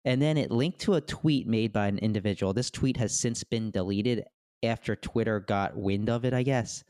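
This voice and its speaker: A man co-hosting a casual podcast, talking in an animated way with quick asides and restarts. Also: on the low side, no echo, clean studio sound. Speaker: podcast co-host.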